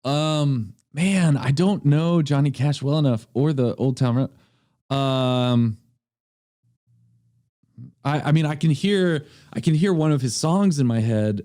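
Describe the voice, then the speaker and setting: A man's voice: on the high side, slow pace, warm tone, dry recording. Hesitant, self-mocking podcast guest, man. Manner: self-deprecating, hesitant, lots of fillers. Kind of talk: casual chat.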